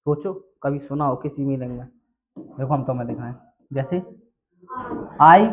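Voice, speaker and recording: Male English teacher, high voice, quizzes then answers his own questions. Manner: asks questions and answers them himself. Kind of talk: classroom lesson on pronunciation.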